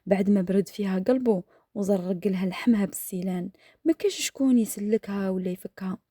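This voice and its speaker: Woman, Algerian accent, whispered storytelling, mellow breathy voice, dry close mic. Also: mid-range voice, quick pace, no echo. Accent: Algerian Arabic. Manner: hushed, half-whispered narration. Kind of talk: whispered storytelling while cooking.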